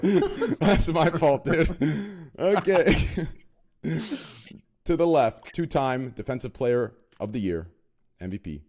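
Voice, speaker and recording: This podcast host speaks slowly in a slightly high, sing-song voice with a touch of mellowness. He rambles through joking, self-conscious guest introductions, heavy on fillers, in an easygoing chat.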